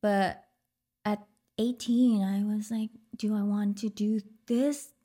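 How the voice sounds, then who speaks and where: Young vietnamese-accented woman, slow, soft warm tone, lots of ums, chatting on a podcast. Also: medium pitch, steady tone. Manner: hesitant, many fillers, laughs lightly. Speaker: guest singer. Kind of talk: casual interview chat.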